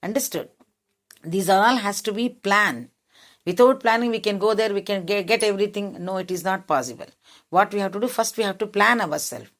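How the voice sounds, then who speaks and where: A geography teacher with an Indian English accent, her voice mid-pitched and a little bright, moves briskly through a reading before walking back through it in plainer language. She often starts sentences over, restates each point simply, and asks the class if they follow.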